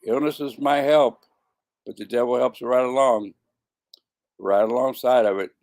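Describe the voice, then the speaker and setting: Man, 70s, gravelly, halting delivery with frequent restarts; casual to-camera monologue. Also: mid-range voice, fairly even intonation, darkish tone. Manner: stumbling, repeats and corrects himself. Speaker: vlogger.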